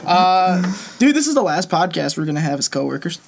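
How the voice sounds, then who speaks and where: Young man telling animated stories. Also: sits high, fairly quick, vocal fry, a little hiss or hum. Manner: animated storyteller, quoting others with voices. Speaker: podcast co-host. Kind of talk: casual chat.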